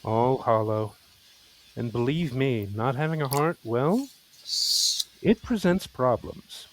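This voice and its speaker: A man's voice: medium pitch, animated, slow pace, a little hiss or hum, low-quality recording. A man acting a wistful, sentimental tin man with theatrical, lilting delivery in a parody radio play. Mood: mournful.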